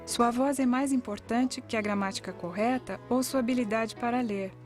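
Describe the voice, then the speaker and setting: Soft background music accompanies a woman with a Brazilian accent narrating an educational parenting video from a script, testimonials included. She speaks at normal speed in a slightly high voice.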